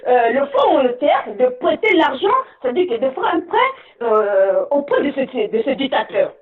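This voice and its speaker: An indignant woman calls in over a tinny phone line, and her voice sounds distant and echoey. Her lively, fairly high voice swings widely in pitch as she pushes on through many hesitations. She builds to near-shouting. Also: moderate pace, faint music behind. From Republic of the Congo. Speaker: caller. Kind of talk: impassioned call-in commentary.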